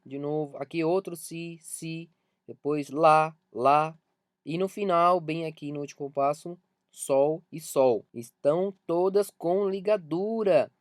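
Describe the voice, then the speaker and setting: A man's voice: a little high, smooth, dry recording, clean studio sound. A man with a Brazilian Portuguese accent gives an online music lesson, talking emphatically and repeating key points to drive them home. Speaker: music teacher.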